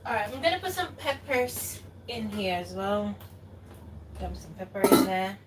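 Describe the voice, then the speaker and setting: A woman from Ghana chats slowly and thinks aloud while cooking in her home kitchen for her vlog. Her medium-pitched voice swings widely in pitch. Because the camera sits a few steps away, she sounds distant, with clear kitchen noise behind her.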